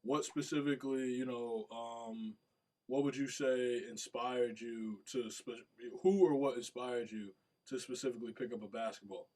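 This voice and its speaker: A man's voice: medium pitch, normal speed, a little mellow. Hype, slangy man. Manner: hype, slangy, friendly, repeats "atta boy". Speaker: interviewer. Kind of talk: casual sports interview.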